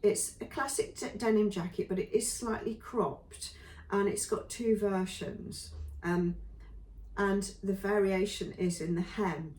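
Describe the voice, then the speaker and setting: A woman reviewing sewing patterns in a chatty, casual way with lots of ums, her voice going hoarse. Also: medium pitch, fairly even intonation, measured pace, a little mellow, reverberant, recorded from a distance. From England. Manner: chatty, many ums and trailing lists. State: losing her voice. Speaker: sewing vlogger.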